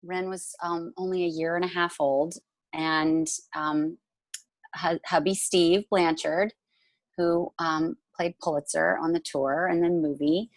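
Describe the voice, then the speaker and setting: A woman's voice: on the low side, fairly even intonation, a little slow, no room sound, poor audio. A woman in her forties, a musical theatre actress, chatting casually over a video call and rambling with lots of fillers. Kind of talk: casual Q&A chat.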